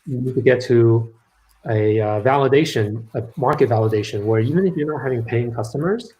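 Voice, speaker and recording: A man's voice: mid-range voice, a little fast, a little mellow, highs cut off. A man originally from Los Angeles, a startup founder speaking as a guest in a casual online conversation, with many ums as he explains. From Los Angeles, California. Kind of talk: live online event conversation.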